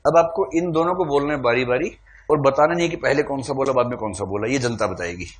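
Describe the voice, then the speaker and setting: A man's voice: mid-range voice, quick pace, slight background noise. A man teaching a classroom lecture, playfully quizzing his students and calling on them to answer.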